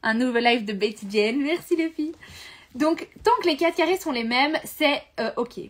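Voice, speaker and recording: A woman's voice: high voice, normal speed. A woman hosting a live-streamed sewing tutorial, chatty and hesitant, speaking straight to her viewers from a home sewing room.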